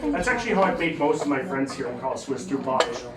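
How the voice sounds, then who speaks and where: A man's voice: medium pitch, sing-song, fast. An American man doing a stand-up comedy set in a club, rambling and self-mocking with lots of fillers and restarts. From United States. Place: comedy club stage, live audience. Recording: roomy, distant mic, crowd noise.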